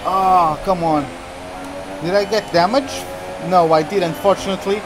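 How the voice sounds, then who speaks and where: A man's voice: high-pitched, steady tone, measured pace, over music, rough recording. A man giving casual live commentary as they play a racing video game. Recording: loud engine noise behind voice. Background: racing game car engines.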